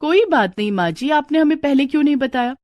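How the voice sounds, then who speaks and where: A high, inquisitive young daughter-in-law from a cartoon story, as a woman narrator puts her on. She sounds eager and probing, and the recording is close and dry. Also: lively intonation, fairly quick, dry recording, highs cut off.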